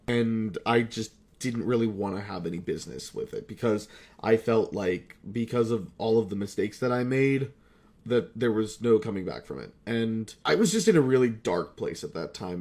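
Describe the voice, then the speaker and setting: A man with a lowish, slightly mellow voice, a voice actor, reflects on his hobby career. His monologue is rambling, confessional, and casual, candid and self-deprecating with plenty of swearing.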